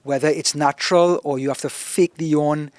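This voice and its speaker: A man's voice: on the high side, fairly even intonation, no echo. Man with a thick accent coaching. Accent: strong accent, self-described as thick. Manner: instructive, deliberate, demonstrates vocal warm-ups by humming. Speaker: guest broadcaster giving advice. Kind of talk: podcast interview.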